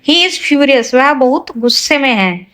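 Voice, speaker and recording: A woman teaching English vocabulary, speaking slowly and deliberately through each example, with casual asides to the listener. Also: sits high, animated, a bit bright, low-quality recording. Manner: slow and deliberate, spelling out examples word by word. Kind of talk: explaining a vocabulary lesson.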